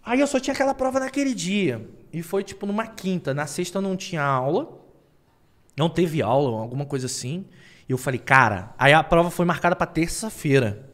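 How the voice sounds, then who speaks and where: Animated young man telling a story. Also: fairly high pitch, fairly quick. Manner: animated, slangy storytelling with acted quotes and nervous laughter. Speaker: podcast guest. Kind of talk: casual storytelling.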